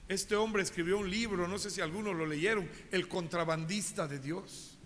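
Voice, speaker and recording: High bright-voiced preacher. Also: male voice, moderate pace, a little hiss or hum. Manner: animated storytelling, addresses congregation directly. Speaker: pastor. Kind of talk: sermon. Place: church. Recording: reverberant church hall.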